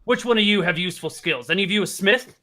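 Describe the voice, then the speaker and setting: A man voicing a gruff, threatening male hobgoblin captor who barks and snarls at his prisoners in a tabletop game. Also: high-pitched, quick pace, pushed and bright, voice pushed up.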